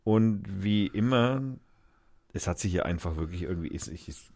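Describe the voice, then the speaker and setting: Low-voiced rambling radio host. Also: male voice, normal speed, darkish tone. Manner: rambling, searching for words and correcting himself. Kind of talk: casual radio banter.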